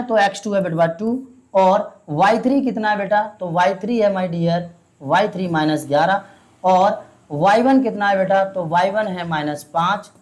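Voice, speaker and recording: A woman walks her students through a maths problem one step at a time. Her voice sits at a middle pitch. She talks patiently, stops often to quiz the class and calls them "beta" again and again. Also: a little mellow. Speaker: maths teacher.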